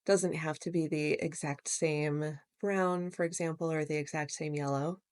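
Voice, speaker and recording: A woman narrating her watercolor painting step by step in a gentle, explanatory way, as host of a real-time art tutorial. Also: deep voice, no room sound, studio quality.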